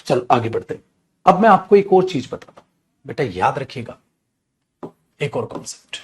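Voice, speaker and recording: A man's voice: mid-range voice, expressive, moderate pace, darkish tone, a little hiss or hum. A man teaching an English grammar class in Hindi, calling students "beta" and acting out angry scolding examples. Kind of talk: live online grammar class.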